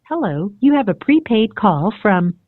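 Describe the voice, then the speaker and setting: Woman, automated prison phone message, tinny phone line, lively sing-song intonation, formal scripted wording. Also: medium pitch, a little slow, no echo. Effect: recorded message on a prison phone. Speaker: automated prison call announcement.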